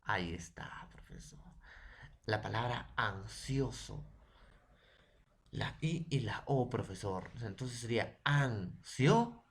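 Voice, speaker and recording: A man's voice: fairly low pitch, slow pace, creaky, long pauses. Peruvian man teaching a school grammar lesson. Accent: Peruvian Spanish. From Peru. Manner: keeps addressing a "profesor" and "jóvenes", spells out syllables, many tag questions. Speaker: secondary school language teacher. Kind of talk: recorded classroom lesson.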